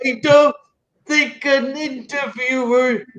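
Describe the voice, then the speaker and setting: A woman with a high voice speaks slowly and earnestly in a casual conversation. The recording is dull and lo-fi, with the top end missing. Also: fairly even intonation.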